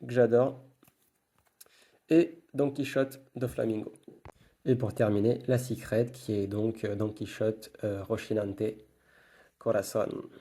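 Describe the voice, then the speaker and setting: A man's voice: medium pitch, mellow. A man giving casual running commentary while opening trading card packs, murmuring card names one after another.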